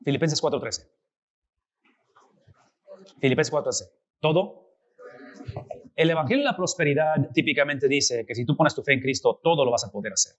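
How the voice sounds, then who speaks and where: Animated man teaching a Bible class. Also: a little high, moderate pace, long pauses, dull audio. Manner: animated, rhetorical questions to the class.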